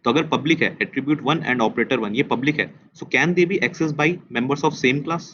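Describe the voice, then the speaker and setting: A man teacher going over a test, switching between Hindi and English, repeating key statements slowly and quizzing his students. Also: mid-range voice, a bit bright, highs cut off. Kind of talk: test discussion lecture.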